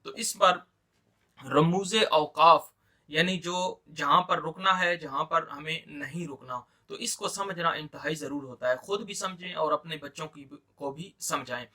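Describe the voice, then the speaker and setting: Bright-voiced Urdu-accented male teacher. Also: fairly high pitch, a little slow. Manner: patient, repeats points for emphasis. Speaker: Quran teacher. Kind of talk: explaining lesson.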